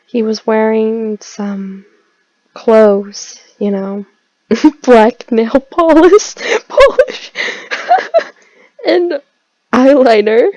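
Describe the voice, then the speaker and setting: A woman's voice: a little high, very slow, pauses often, a little mellow, no room sound, low-quality recording. A young woman reads bad fan fiction aloud for comedy, breaking off into sarcastic, exasperated commentary with frequent sighs. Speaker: YouTube host reading fan fiction aloud. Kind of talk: comedic dramatic reading with commentary.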